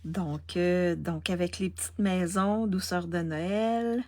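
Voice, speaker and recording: A woman's voice: fairly low pitch, fairly even intonation, slow pace, darkish tone. A retired woman, casually chatting on a live card-making stream and greeting viewers by name, with lots of fillers and restarts. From Canada. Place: home craft workspace. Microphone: laptop webcam on a desk.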